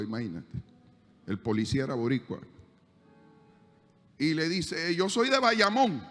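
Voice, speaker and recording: High-voiced Panamanian man preaching in a hall. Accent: Panamanian Spanish. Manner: preaching with rising emphasis, acting out dialogue in anecdotes. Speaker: pastor. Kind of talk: sermon. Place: church hall.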